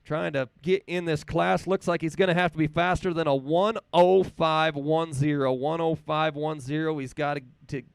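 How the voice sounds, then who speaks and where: A man announcing a live race, reading out times slowly and chatting in a folksy way between runs. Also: a little high, steady tone, gravelly, clean tone, no room sound. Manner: reads race times slowly and repeats them. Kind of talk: live play-by-play commentary.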